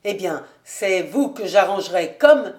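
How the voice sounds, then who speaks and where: A woman reading a storybook aloud and voicing an angry, hot-tempered male cooper with a gruff, blustering manner. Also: on the low side, animated, measured pace, darkish tone.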